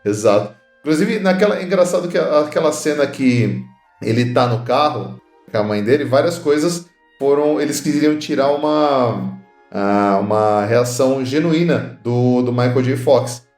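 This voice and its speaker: A man's voice: mid-range voice, lively intonation, normal speed, a little mellow, reverberant, faint music behind. A man co-hosting a podcast, chatting casually and recounting movie trivia with playful asides. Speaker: podcast co-host. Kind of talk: casual film chat.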